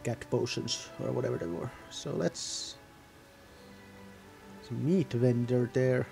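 Male gamer host, rambling casual commentary, gravelly voice with a dark tone, faint game music underneath. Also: medium pitch, very animated, takes it slowly. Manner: rambling, self-correcting, offhand. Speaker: gaming video host.

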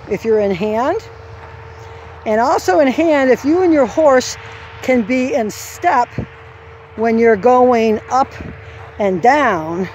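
This instructional walk-through features a woman course designer with a slightly high, darkish voice, calmly explaining each obstacle of an outdoor horse course and sometimes correcting herself. She records on a handheld phone, so faint outdoor noise appears and she's occasionally distant from the mic.

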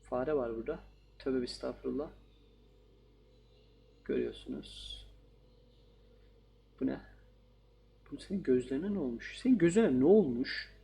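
A man's voice: medium pitch, very animated, a little slow, creaky, long pauses, warm tone, slight background noise. A man playing a horror game and commenting casually, joking and talking back to the characters on screen. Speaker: gaming YouTuber.

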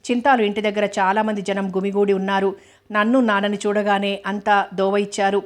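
A woman reading a novel aloud as an audiobook narrator, in a steady, even storytelling read. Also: medium pitch, fairly quick.

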